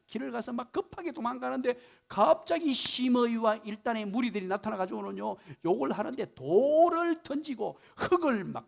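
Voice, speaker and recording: In a church sanctuary on a Sunday morning, a male pastor preaches with animation, explaining the Hebrew words of the text and firing off rhetorical questions. His voice is high-pitched with vocal fry.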